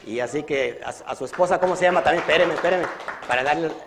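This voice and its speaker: Speaking fast in a fairly high voice against a noisy background, this man teaches Kabbalah and leads a community. During a livestreamed religious study session he earnestly questions his listeners and draws out important words.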